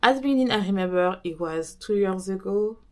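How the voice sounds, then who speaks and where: Talking casually to camera about consistency, a French-accented woman who hosts a podcast and coaches frequently stops and restarts as she hunts for words, French being her native language. Her medium-pitched voice has a darkish tone and lively intonation.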